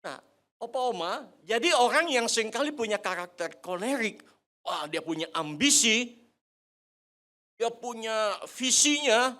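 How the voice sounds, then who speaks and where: An older man preaching a sermon to seniors in a church hall, lively and joking, often quizzing the congregation. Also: high-pitched. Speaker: pastor.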